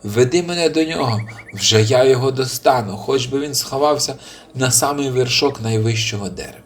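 A man's voice: mid-range voice, brisk, a little hiss or hum, natural voice. A man roaring as a furious hungry bear. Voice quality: roaring, shouting. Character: furious hungry male bear, bullying lord.

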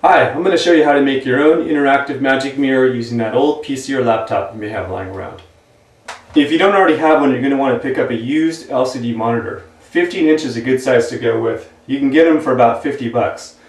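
A man's voice: medium pitch, fast talker, recorded from a distance. An American man in his thirties giving a how-to demonstration to camera in a small room. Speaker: presenter. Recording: echoey room, off the mic.

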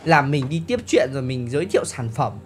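A man giving joking, excitable let's-play commentary to his viewers. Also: mid-range voice, a little fast. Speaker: gaming YouTuber. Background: game music.

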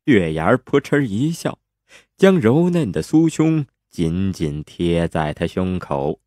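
Man, narrator, deep voice, lively intonation, playful storytelling, dry close mic. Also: slow pace, dry recording. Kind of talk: scripted novel narration.

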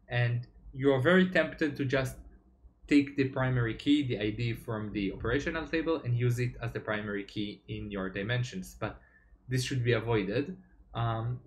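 Young man, developer, tech talk presentation, methodical, filler-heavy, video call from home. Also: mid-range voice. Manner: plain, methodical explaining with frequent "uh" fillers. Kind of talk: explanatory presentation over slides.

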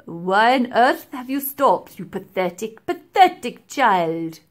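A woman's voice: a little high, very animated, slow pace. A woman voicing a stern, impatient male professor who barks orders and belittles a child. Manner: sharp, commanding, belittling.

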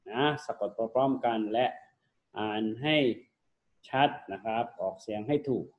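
A young man teaching children a phonics lesson, slowly sounding out letters and switching between Thai and English. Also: on the low side. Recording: dull lo-fi sound.

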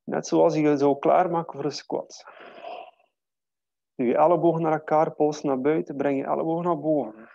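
A man guiding a yoga class, calmly cueing breath and posture in a steady way. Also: a little high, moderate pace, gravelly, pauses often, no echo, highs cut off. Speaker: yoga teacher. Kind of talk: guided yoga class instruction.

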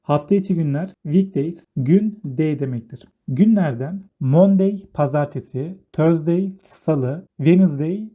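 A man explaining a beginner English lesson, going slowly and step by step and repeating each word in two languages. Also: a little high. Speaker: English teacher. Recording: tinny phone-like sound.

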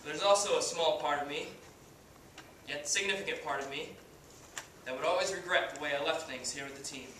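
A young man playing a cocky, foul-mouthed baseball star, giving a swaggering halftime pep speech with deliberate pauses. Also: a little high, pushed and bright. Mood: solemn, grandiose. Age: young adult. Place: indoor hall, stage area, far camera. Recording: distant, very echoey room, faint noise.

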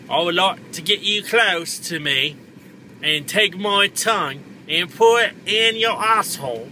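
A man's voice: a little high, sharp tone. A man driving and ranting in a put-on Cockney impression, crude and mock-flirtatious, recorded on a camera in a moving car. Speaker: vlogger. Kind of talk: crude comedic rant. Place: inside a car while driving. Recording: road noise from a moving car.

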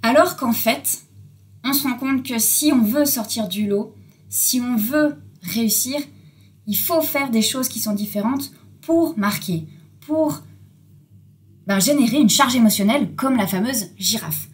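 A woman's voice: on the high side, a little slow. A woman in her forties hosting a casual solo podcast, chatty and self-mocking, with many fillers and asides. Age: 40s. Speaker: podcast host.

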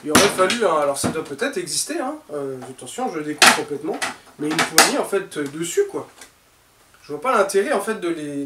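Addressing his audience as "les gars," a woodworking host in his thirties casually shows off new tools in his messy home workshop, his voice a little high. The camera mic sits at a distance, so the recording carries echo and slight noise.

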